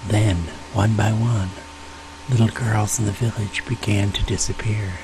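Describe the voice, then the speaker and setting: A soft-spoken, folksy man telling ghost stories in an unhurried ASMR style, sometimes dropping into a whisper. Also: on the low side, little pitch movement, background noise. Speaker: storyteller, ASMR host.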